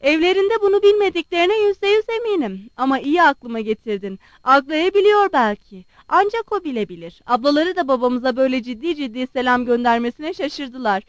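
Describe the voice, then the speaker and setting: A sharp-tongued young woman chides her brother in brisk, frank phrases, as a woman reads her in an audiobook. Her voice sits high, and the recording is dry and close. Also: lively intonation, no echo. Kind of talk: audiobook character reading.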